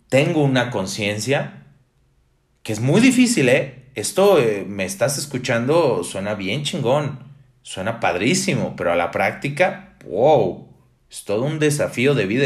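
Man, Mexican accent, young adult, slow deliberate pace, blunt, profane, emphatic, casual reflective monologue, echoey room. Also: medium pitch. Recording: roomy echo.

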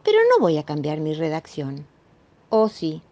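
A woman with a Rioplatense accent reading a children's story aloud in an expressive, playful way. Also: deep voice, unhurried. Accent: Rioplatense Spanish. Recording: dull muffled recording.

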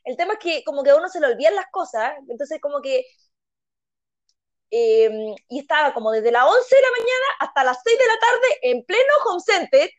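Chilean woman chatting, high voice, acts out the quotes, laughs a lot, dry mic. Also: big pitch swings, normal speed, no echo, lo-fi sound. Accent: Chilean Spanish. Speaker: podcast co-host. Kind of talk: casual storytelling chat.

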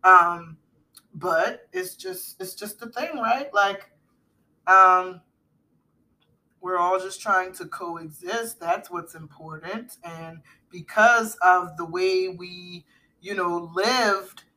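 Bright, slow-talking chatty woman. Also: on the low side, animated. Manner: chatty, rambling, frequent fillers and restarts. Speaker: podcast co-host. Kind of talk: casual chat.

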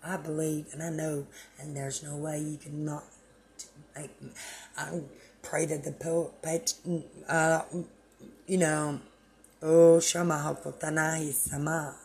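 Woman, low gravelly voice, very raspy, rambling preachy monologue. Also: little pitch movement, takes it slowly, long pauses, a little mellow. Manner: preachy, meandering, self-deprecating. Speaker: channel host.

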